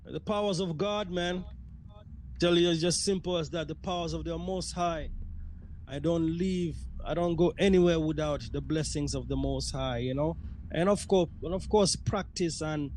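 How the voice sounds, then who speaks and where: A man from South Sudan, a sound clash selector, who speaks as a guest on a radio interview and gives shout-outs in dancehall slang. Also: a little high, normal speed, a little hiss or hum.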